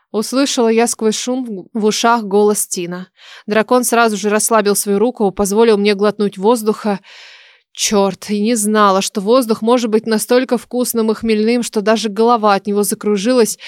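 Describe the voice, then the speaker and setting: A woman narrating a first-person fantasy audiobook in an expressive, lively storytelling manner. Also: medium pitch, dry recording, clean studio sound.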